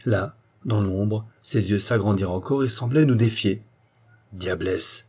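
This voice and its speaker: A male narrator reading a classic short story in a measured, steady way. His voice is low and mellow, with a husky grain.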